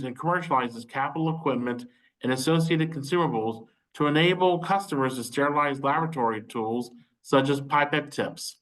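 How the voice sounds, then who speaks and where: A man's voice: mid-range voice, fairly bright tone, rough recording. Formal male webinar host on a video call. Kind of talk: reading a scripted speaker introduction.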